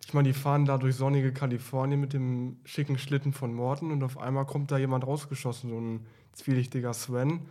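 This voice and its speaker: A man talks casually as a podcast co-host in a relaxed, dark-toned voice with little pitch movement. His phrasing is dry and wry. The space has some echo. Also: a little fast, hardly any pauses. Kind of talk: casual discussion. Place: echoey space outside a studio.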